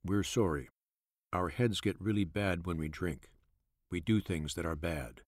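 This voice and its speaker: A man's voice: low-pitched, measured pace, no echo, studio quality. A man voicing an impatient adult villager who insists on what he sees, read in a storybook narration. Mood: apologetic. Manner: insistent, snapping.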